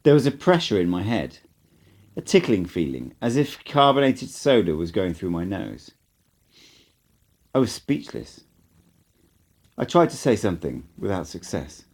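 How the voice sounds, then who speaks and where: Somewhat slowly and with long pauses, a man reads a first-person tale as an amateur audiobook narrator. His lowish voice varies a great deal in pitch, and the reading is dramatic and expressive.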